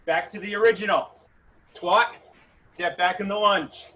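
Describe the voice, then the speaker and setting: High-voiced male coach calling combos, distant mic. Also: fairly even intonation, a little slow, pushed and bright. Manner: coaching cues, calling out moves and punch combinations in short bursts. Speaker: fitness coach leading a home HIIT workout. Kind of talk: live exercise instruction with short cues and counts. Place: indoor garage-style gym. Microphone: camera several metres away. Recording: distant mic, muffled, noisy gym.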